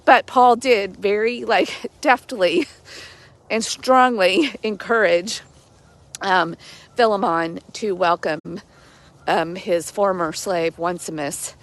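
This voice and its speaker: A woman talking casually outdoors in a reflective devotional vlog, halting and conversational as she thinks aloud and corrects herself. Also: mid-range voice. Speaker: vlogger giving a daily devotional. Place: outdoors among trees in light rain and snow.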